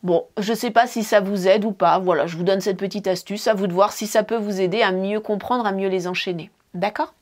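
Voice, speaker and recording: A woman's voice: medium pitch, fairly even intonation, brisk, hardly any pauses, a little mellow. A woman piano teacher, explaining a scale casually and counting fingerings aloud as she plays. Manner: talks while playing, counts fingerings aloud. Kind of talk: casual demonstration lesson. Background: piano notes.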